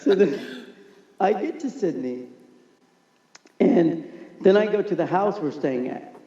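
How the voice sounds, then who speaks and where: A man telling animated stories as a podcast guest, often laughing as he talks. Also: high voice, measured pace. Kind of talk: casual storytelling. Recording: echoey, muffled room recording.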